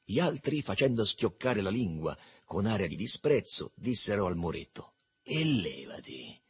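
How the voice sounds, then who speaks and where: Husky man reading a novel aloud. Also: fairly low pitch, moderate pace. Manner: expressive, animated. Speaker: narrator.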